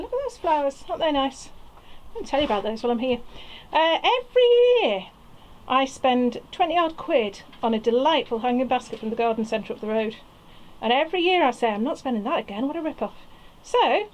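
A high-pitched woman, an allotment vlogger, chats casually and thinks aloud while potting plants in a small greenhouse for her gardening vlog. A camera on a tripod nearby picks her up, and the rough recording carries a little hiss or hum.

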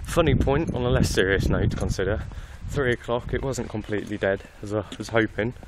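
A man's voice: lowish voice, a little fast, background noise. A man in his twenties talking casually to a phone camera after a workout, tired but chatty and candid. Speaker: fitness vlogger. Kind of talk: casual video diary. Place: outdoors at night on a street. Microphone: phone held at arm's length.

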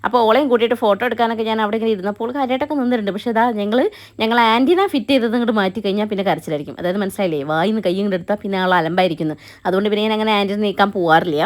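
Very fast-talking chatty young woman. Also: medium pitch. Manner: chatty, keeps adding 'you know' tags. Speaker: family vlogger. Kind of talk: vlog voice-over narration.

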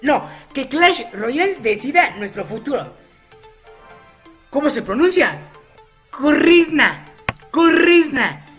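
A man's voice: extremely high pitch, sing-song, unhurried, pauses often, a bit bright, faint music behind. A man commenting on his own gameplay, chatty and teasing his opponents by name. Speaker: gaming YouTuber.

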